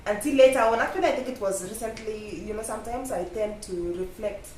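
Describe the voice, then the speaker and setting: A woman's voice: mid-range voice, a little fast, a little mellow. A woman from Kenya with a Kenyan accent, chatting casually and reflectively about herself, often adding "you know". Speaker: vlog guest. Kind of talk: casual personal chat. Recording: echoey room, distant mic, faint noise.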